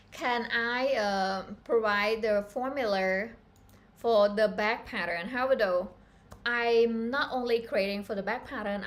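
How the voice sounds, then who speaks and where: A woman from Cambodia, giving a chatty, earnest live-stream tutorial on pattern making and talking straight to her viewers. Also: mid-range voice. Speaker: fashion pattern-making instructor.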